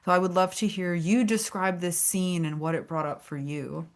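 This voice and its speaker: A woman's voice: on the low side, steady tone, moderate pace. A woman hosting a podcast interview, talking in an earnest, thoughtful way. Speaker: podcast host and therapist. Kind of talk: casual interview conversation.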